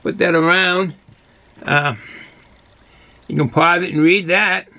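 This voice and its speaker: A Boston man in his sixties with a thick local accent reviews beer for the camera, chatting casually and rambling a bit in a small, cluttered indoor hobby room. His voice sits high, pushed and bright with vocal fry, slow and fairly even in intonation.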